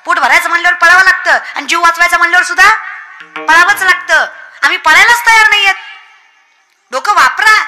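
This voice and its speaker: Woman preaching a funny kirtan, really high piercing voice, scolds n jokes, bit of music behind. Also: pushed and bright. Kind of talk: comic devotional sermon.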